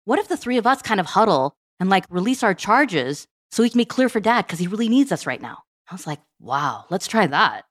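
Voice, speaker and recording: A middle-aged woman speaks as a guest on an interview podcast. She talks quickly and tells her story in an animated way, acting out the lines of the people in it. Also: mid-range voice. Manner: fast, animated storytelling with quoted dialogue. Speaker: guest, program management director.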